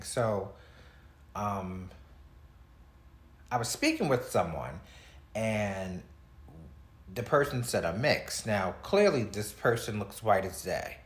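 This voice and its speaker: Podcast host, man, lively swooping delivery, roomy echo. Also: on the low side. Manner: animated, laughing, talks to listeners. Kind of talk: casual monologue. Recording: echoey room.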